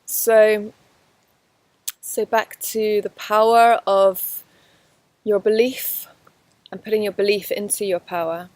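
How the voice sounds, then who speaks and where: A woman's voice: mid-range voice, flat delivery, slow pace, pauses often, no echo. Woman, spiritual teacher, earnest flowing speech, repeats and restarts, recorded outdoors in a forest, dry close sound. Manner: earnest, flowing, with many restarts and soft laughs. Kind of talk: spoken course lesson. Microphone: camera facing the speaker.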